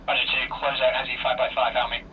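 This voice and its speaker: A man's voice: mid-range voice, completely flat delivery, fairly quick. A man acting as air traffic controller, giving clipped, procedural calls over a radio. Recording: distant, muffled noisy radio.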